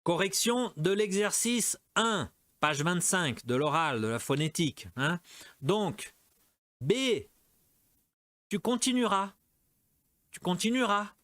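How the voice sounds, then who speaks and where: A man teaching a French lesson, repeating each example several times and slipping into quick Portuguese asides. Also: sits high, a bit bright, no echo. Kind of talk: explaining a language lesson.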